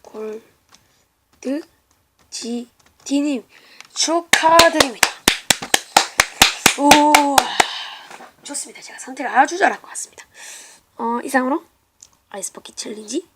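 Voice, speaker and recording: Halting, high-voiced woman, slow and unscripted. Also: heavy background noise. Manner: halting, apologetic, often muttering to self. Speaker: amateur video maker nominating people for a challenge. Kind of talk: casual, unscripted vlog talk.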